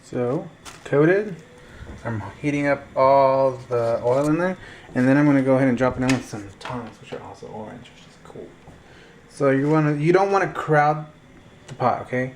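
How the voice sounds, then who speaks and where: A man's voice: medium pitch, moderate pace. A man giving a casual, chatty cooking tutorial, talking viewers through each step informally. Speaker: home cook presenting a recipe. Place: indoor kitchen at the stove. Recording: clear sizzling kitchen noise. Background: frying, sizzling and stirring.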